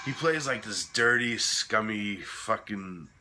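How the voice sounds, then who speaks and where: A man hosting a casual film review while sick, his voice cracking, talking in a halting, informal, sweary way. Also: on the low side, over music. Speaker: host of a horror film review series.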